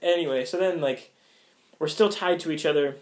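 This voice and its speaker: A man's voice: a little high, moderate pace. A young American man telling a story casually, rambling with many fillers and frequent laughs. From United States. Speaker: vlogger.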